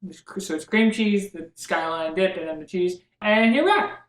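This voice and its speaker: A man's voice: high-pitched, animated, normal speed, distant mic. A young man hosting a casual cooking vlog at home, chatting playfully and teasing his co-host. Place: home kitchen, indoors. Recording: echoey room.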